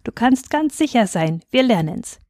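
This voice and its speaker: A woman reading aloud who voices a shy, gently teasing young bride in a storybook. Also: fairly high pitch, sing-song, unhurried, no echo, studio quality, pitched above the performer's own voice. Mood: bashful.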